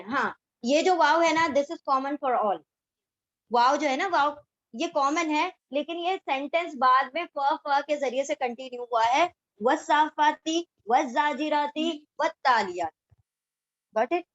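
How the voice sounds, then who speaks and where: A woman teaching a word-by-word Quran translation lesson, reciting verses slowly and then explaining them in everyday speech mixed with English words. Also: on the high side, fairly bright tone, dry recording, dull audio.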